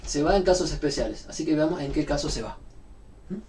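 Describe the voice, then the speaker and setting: A man's voice: on the high side, expressive, fast talker, darkish tone, recorded from a distance, a little hiss or hum. A man with a Rioplatense Spanish accent giving a university physics lecture, explaining step by step with frequent fillers.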